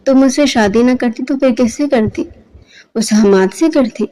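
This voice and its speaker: A woman's voice: on the high side, close to an everyday voice, low-quality recording. Woman reading a jealous teenage husband. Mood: angry. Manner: shouting accusations. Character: jealous hot-tempered 18-year-old husband.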